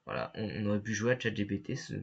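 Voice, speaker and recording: A man streaming a game live, talking to his chat in a halting, stammering way and reading the screen aloud. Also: fairly low pitch, animated, gravelly, husky, highs cut off. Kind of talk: live gameplay commentary.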